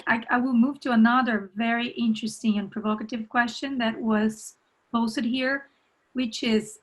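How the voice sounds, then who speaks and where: A woman moderating a panel discussion, reading out audience questions in a polite, halting way with many fillers. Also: a little high, a bit bright, poor audio.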